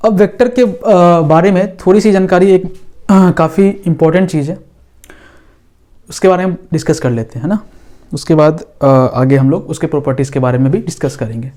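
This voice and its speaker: A male physics teacher talks a class through a lesson in a high, easy voice. He draws on the board as he explains. He often pauses to check that everyone understands. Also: warm tone. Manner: talks while drawing on a board.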